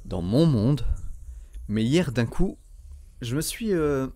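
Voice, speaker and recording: A man's voice: medium pitch, lively intonation, slow pace, mellow, no room sound. A man playing a friendly, flustered, talkative young male superhero in amateur film dubbing. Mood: bewildered, earnest.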